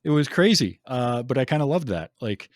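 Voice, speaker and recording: A man's voice: medium pitch, sing-song, moderate pace, dry recording, clean studio sound. A man hosting a podcast, chatting casually and enthusiastically about a film with many ums. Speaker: podcast host.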